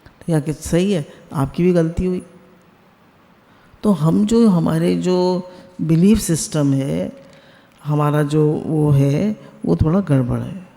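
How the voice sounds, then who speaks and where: A man gives a spiritual discourse over a video call and keeps putting questions to his listeners. His voice is gravelly and mellow, sits a little high, and trails into a long reverb. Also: slow. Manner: asks the listeners questions, mixes English words into Hindi. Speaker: satsang speaker.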